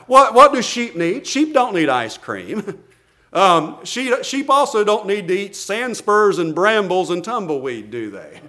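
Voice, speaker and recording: A man with a notably high voice preaches a sermon from the pulpit of a church. He talks earnestly, stumbling over and repeating words as he restarts his phrases. He chuckles softly between his points.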